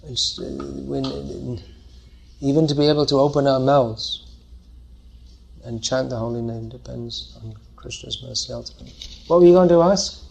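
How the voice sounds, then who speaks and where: A man teaching a scripture class, taking questions from the audience. He explains patiently and thinks aloud as he goes, at an ordinary pitch for a man. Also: moderate pace, creaky, darkish tone, a little hiss or hum.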